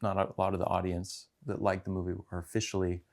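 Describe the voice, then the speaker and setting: A man's voice: low-pitched, flat delivery, quick pace. A man co-hosting a podcast, thinking aloud hesitantly with frequent restarts. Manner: hesitant, musing, many restarts. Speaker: podcast co-host. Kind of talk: casual film discussion.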